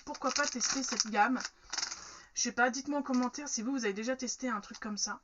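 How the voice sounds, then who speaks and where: A woman's voice: fairly high pitch, fairly quick, highs cut off, background noise. A woman chatting frankly through an unboxing, with many fillers. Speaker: unboxing vlogger. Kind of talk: casual unboxing chat.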